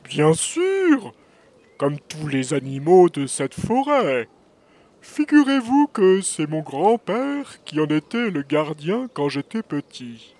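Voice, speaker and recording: A man voicing a big, casual, evasive male moose with a deep, drawling voice in a children's audio story. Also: big pitch swings, takes it slowly, a little mellow. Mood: easygoing.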